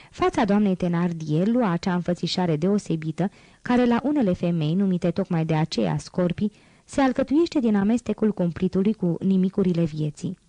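A woman reads a novel aloud with steady, expressive care. Her voice is low and warm with a mellow tone. The recording is close and dry, without room sound. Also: no room sound, low-quality recording. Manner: steady, expressive literary reading. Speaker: audiobook narrator. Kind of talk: scripted audiobook narration.

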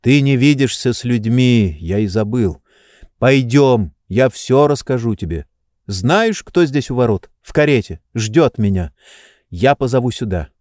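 A man voicing an energetic, insistent friend who urges and reproaches in an urgent tone. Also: mid-range voice, a little slow, no room sound, studio quality, natural voice.

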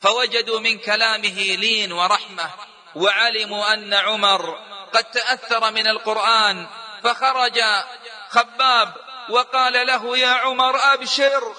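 Preacher guy telling a story, really high piercing voice, long hall echo. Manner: impassioned, rising to near-shouting at climaxes. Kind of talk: emotional storytelling sermon.

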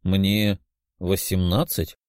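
A man voicing a young reborn demon lord who mutters his thoughts in a low voice. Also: flat delivery, takes it slowly, no echo, studio quality. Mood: musing.

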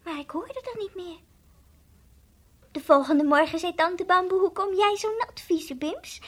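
A woman voicing a timid, childlike toy dog in an old radio play, earnest and confiding, sometimes whispering. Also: a little slow. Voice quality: high childlike voice, drops to whispers. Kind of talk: 1960s radio drama acting.

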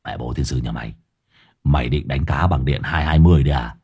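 A man voicing a gruff, coarse henchman who grumbles and curses in a deep, dropped voice. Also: quick pace, a little mellow, heavily acted.

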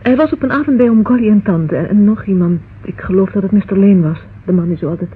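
In a muffled, husky-sounding old Dutch radio recording with slight hiss or hum, an actress speaks fast in a mid-range voice, lightly acted. She plays a police inspector's anxious, affectionate young sweetheart, sounding hesitant and confiding.

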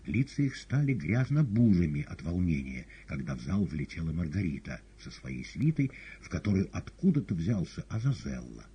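A man narrating a novel as an audiobook in an expressive, dramatic reading. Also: low-pitched, moderate pace, breathy edge, highs cut off. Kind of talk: scripted literary narration.

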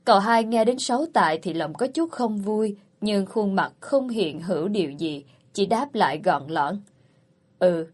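A woman reads a story aloud as a channel's storyteller, in a steady, even manner. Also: medium pitch, normal speed, hardly any pauses. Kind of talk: scripted audiobook narration.

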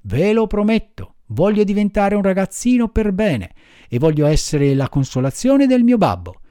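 An impulsive wooden puppet boy, read by a man, chirping high and bouncing up and down in pitch. The voice keeps a soft, mellow darkness under the excitement. The recording is close and dry, storybook style. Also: normal speed, clear, resonant tone, no echo. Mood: pleading. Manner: high excitable voice, jumping up for emphasis. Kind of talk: audiobook character voice.

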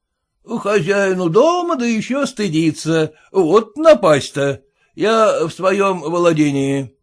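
A man voicing a coarse, tipsy old-fashioned merchant landlord who talks down in a slow, drawling way. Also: high voice, sing-song, pitched above the performer's own voice, exaggerated voice. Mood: condescending.

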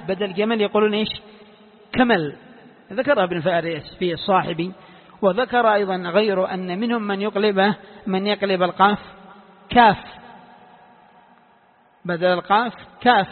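A man's voice: high-pitched, steady tone, brisk. A man teaching Quran commentary to a class, who repeats key phrases and quizzes his students with questions as he explains. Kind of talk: classroom lecture. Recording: echoey hall, tinny phone-like sound.

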